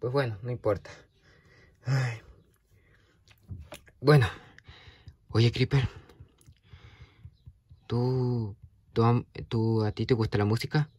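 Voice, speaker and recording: Slow, stammering man with a dry sound. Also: mid-range voice, steady tone, a little mellow, breathy edge, no room sound. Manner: halting, stammering, with many restarts and sudden yelps. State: nervous. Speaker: video creator talking to a toy character. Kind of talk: casual one-sided chat to a silent companion.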